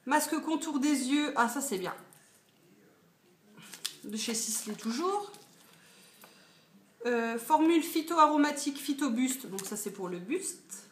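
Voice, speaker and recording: A woman's voice: high-pitched, animated, slow pace, long pauses. A woman in her twenties chatting casually about her purchases in a beauty haul video, with lots of fillers. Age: 20s. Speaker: beauty vlogger. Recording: echoey room, faint noise.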